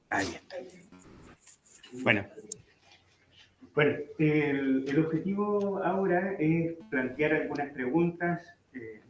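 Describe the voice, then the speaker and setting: A man moderating an online colloquium, relaxed and hesitant with fillers. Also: mid-range voice, muffled recording. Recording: echoey room with faint noise.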